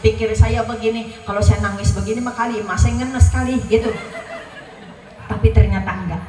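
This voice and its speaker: A woman preaches a sermon in a high, bright voice, telling a story and acting out its dialogue while addressing the women listening. She is recorded from a distance in an echoey hall, and there is faint background noise. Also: fairly even intonation, a little fast, a crowd in the background. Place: large venue at a religious gathering.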